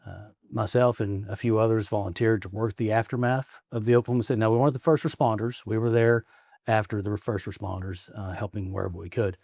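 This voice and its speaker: A state representative from Arkansas in his forties is the guest in a casual interview held in an office at the state capitol. He talks fast and rambles, restarting his stories and chuckling often, in a low, creaky, darkish voice with fairly even intonation. The studio-quality recording has no echo.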